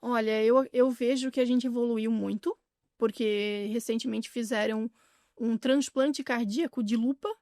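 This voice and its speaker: A woman with a Brazilian Portuguese accent, speaking candidly as an interview guest, with halting restarts. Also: fairly high pitch, steady tone, warm tone, dry recording, clean studio sound. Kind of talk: casual interview chat.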